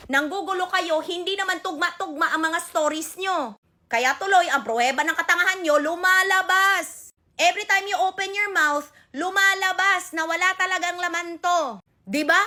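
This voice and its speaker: A woman's voice: extremely high pitch, pushed and bright. A woman giving a heated, sarcastic and profane political rant in a reaction vlog. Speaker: political commentator.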